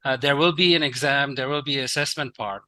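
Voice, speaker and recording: A man's voice: medium pitch, brisk, sharp tone. A man on the course staff, answering politely and reassuringly with some uhs.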